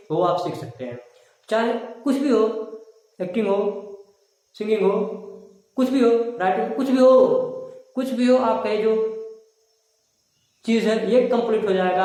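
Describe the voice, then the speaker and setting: A man's voice: high voice, darkish tone. A man teaching a spoken diction lesson, drilling words and asking questions to the viewer. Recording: very echoey room.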